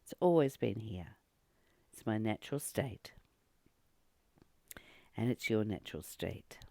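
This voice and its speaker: Her very deep voice is expressive, gravelly, and warm, captured in a dry recording. The woman, a spiritual teacher who hosts a channel, reads and informally comments with earnest deliberation, frequent pauses, and emphatic repetition.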